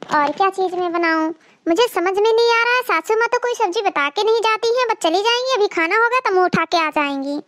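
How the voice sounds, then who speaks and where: A woman plays a young, newly married daughter-in-law in a cartoon, flustered and fed up. Her voice is very high, almost childlike, and she fusses and complains as she talks to viewers. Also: lively intonation, fairly quick, a bit bright. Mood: fretful. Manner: fretful, exasperated, talks to viewers. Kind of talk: cartoon comedy voice acting.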